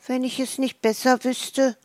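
A woman's voice: high-pitched, little pitch movement, unhurried, darkish tone, no echo, pitched above the performer's own voice. A woman voicing a small, cheerful and curious squirrel in a storybook, wondering aloud. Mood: puzzled. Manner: wondering, mildly puzzled.

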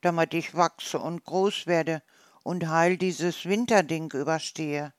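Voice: mid-range voice, fairly even intonation, slow pace, clean tone, no room sound, natural voice. A storyteller voicing a hungry, puzzled young hedgehog who asks naive questions in a storybook.

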